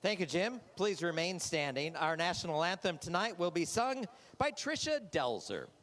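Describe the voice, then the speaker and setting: A man's voice: fairly high pitch, very animated, normal speed, a bit bright. A man making formal public-address ceremony announcements as the track announcer at a racetrack. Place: outdoor racetrack over loudspeakers. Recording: echoey racetrack PA with long reverb, noisy.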